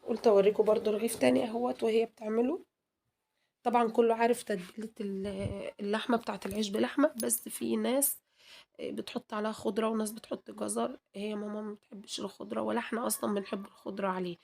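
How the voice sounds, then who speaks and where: A woman with an Egyptian accent, hoarse from a cold, chatting to viewers in a home kitchen cooking vlog and adding long prayers. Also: on the high side, fairly even intonation, fast talker, a little mellow, a little hiss or hum. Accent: Egyptian Arabic.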